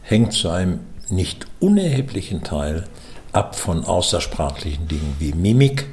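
A man's voice: low voice, very animated, a little slow, a little mellow. A man in his seventies, an interpreter talking reflectively in an interview. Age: 70s. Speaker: simultaneous interpreter being interviewed.

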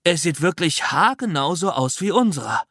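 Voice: mid-range voice, big pitch swings, moderate pace, fairly bright tone, no echo. A reader voicing a stern, dismayed father in a children's audiobook, dry and stern.

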